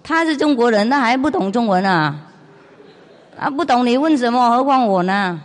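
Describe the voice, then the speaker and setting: Pitched a little high, expressive and moderately paced, this woman speaks plain non-native Mandarin with a foreign accent. Mandarin isn't her first language and she comes from outside China. As a spiritual master she answers questions informally, frequently asking rhetorical ones, amid the long echo of a big hall.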